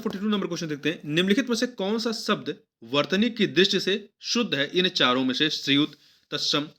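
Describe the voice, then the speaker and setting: A man's voice: a little high, bright, forceful tone. A young man teaching exam preparation, going through test questions one by one, patiently repeating each answer and correcting himself mid-word. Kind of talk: explaining Hindi test answers.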